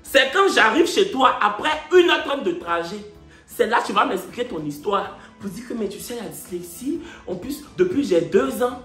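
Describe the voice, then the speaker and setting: Male comic storyteller, animated delivery, loud bursts and low asides, roomy echo, music faintly behind. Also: moderate pace. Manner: animated, swings between loud outbursts and mutters. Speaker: comedian telling a story. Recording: echoey room with faint music.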